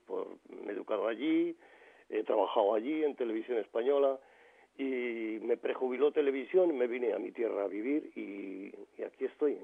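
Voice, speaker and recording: Calling in to a radio interview over a telephone line, a poet in his sixties from Granada, Spain speaks reflectively, with many fillers and restarts. His voice is lowish, creaky and slightly rough.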